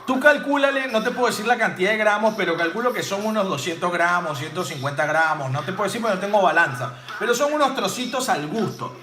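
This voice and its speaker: Bartending teacher, high voice, chatty and playful, roomy room with music behind. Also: male voice, expressive, fast talker, hardly any pauses, bright, forceful tone, a little hiss or hum. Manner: chatty and jokey, with playful sound effects and casual swearing. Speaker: bartending instructor. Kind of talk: casual live drink-making demo. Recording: roomy home space with music playing.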